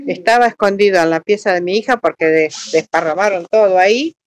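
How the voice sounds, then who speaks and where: A woman in her sixties with a Rioplatense Spanish accent, giving halting interview testimony about what happened to her, full of restarts and fillers. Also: medium pitch. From Uruguay. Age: 60s. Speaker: robbery victim.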